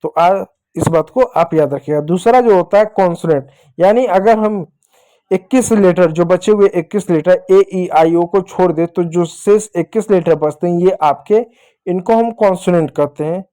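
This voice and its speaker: Patient, mellow-voiced male children's teacher. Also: sits high, moderate pace. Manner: patient, repetitive explaining, asks questions and answers them himself. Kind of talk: classroom-style lesson for children.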